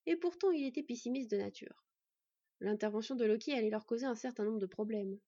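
A woman narrating a fantasy story in an even, measured reading. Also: fairly high pitch, husky, no room sound. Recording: dull, dry recording.

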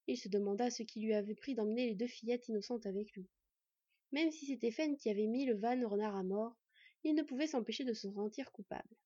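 A woman reading a story aloud as narrator in an even, measured way. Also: a little high, breathy edge, no room sound, muffled recording. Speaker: audiobook narrator.

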